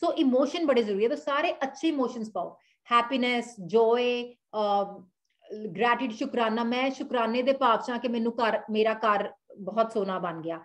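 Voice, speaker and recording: Earnest Punjabi-accented woman, slightly high pitch, for a self-help lesson with hesitant pauses. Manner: earnest, repeats points, many "uh" hesitations. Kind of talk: instructional talk mixing Punjabi and English.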